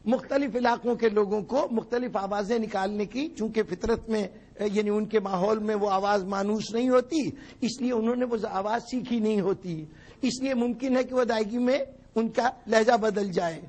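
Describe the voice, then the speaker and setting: A man with a strikingly high voice delivers a religious lecture to a gathering. He explains step by step and drives his points home with sharp rhetorical questions. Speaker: religious orator at a mourning gathering. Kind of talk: sermon-style lecture.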